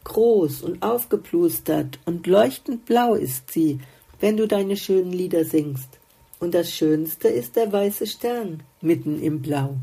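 A woman voicing a gentle, wise female blue flower in a storybook, patiently explaining things. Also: fairly low pitch, lively intonation, takes it slowly, gravelly, husky, full character voice.

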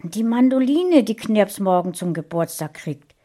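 Woman reading as a busy mother in a storybook, brisk, a touch higher than her narration. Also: animated, warm tone. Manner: brisk, raised voice.

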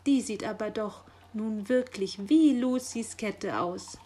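A woman's voice: mid-range voice, slow pace. A woman voicing a fussy, chattering female magpie postmistress in a children's audio story, eager and easily flustered. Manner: eager, flustered, rising excited lines.

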